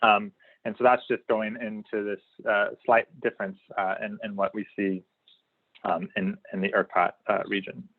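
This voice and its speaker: A man's voice: lowish voice, level tone, moderate pace. A male researcher giving a webinar presentation, explaining results with many fillers and restarts, his voice slightly worn. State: losing his voice a little. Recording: tinny phone-like audio.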